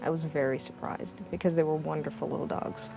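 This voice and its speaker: A woman's voice: low voice, fairly even intonation, brisk, vocal fry, music in the background, low-quality recording. A woman, a rescue volunteer, speaking earnestly and reflectively in a documentary interview.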